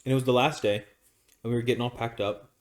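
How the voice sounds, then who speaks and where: A man co-hosting a podcast, telling family stories in a casual, animated way, laughing often and acting out what people said. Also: mid-range voice, fast. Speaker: podcast co-host. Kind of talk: casual storytelling.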